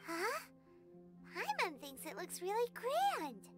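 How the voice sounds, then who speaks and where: A woman voicing a tiny, excitable, childlike fairy girl companion in an anime game, exclaiming a lot. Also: very high voice, takes it slowly, music in the background, exaggerated voice. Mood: curious, amazed. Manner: exclaiming, refers to self in third person.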